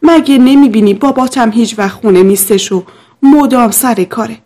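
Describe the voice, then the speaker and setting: A woman's voice: a little high, dark tone, close to an everyday voice. A woman voicing an impatient middle-aged mother-in-law who lectures bluntly. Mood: impatient, lecturing.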